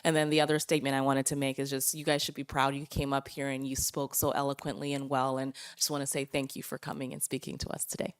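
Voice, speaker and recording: Woman, 40s, low voice, chatty board member remarks, many fillers. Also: completely flat delivery, quick pace, hardly any pauses, smooth. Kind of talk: meeting remarks. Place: district board meeting room.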